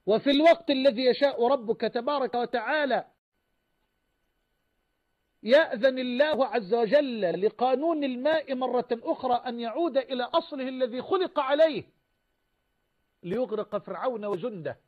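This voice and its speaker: A man preaching an impassioned, rhetorical sermon, slowing down to recite verse. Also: very high voice. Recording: narrow tinny phone-like sound.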